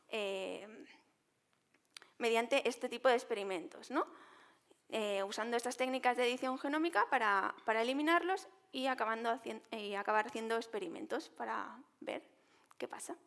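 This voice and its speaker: High-voiced young woman scientist explaining. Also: fairly bright tone. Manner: explanatory, with many fillers and tag questions. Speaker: scientist presenting research. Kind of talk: talk at a public science event.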